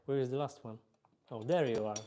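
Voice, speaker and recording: A young Polish man with a Polish accent plays and chats on a live stream, reading viewer comments aloud in a relaxed way with hesitant fillers. His voice is mid-range and a little fast, with slight background noise.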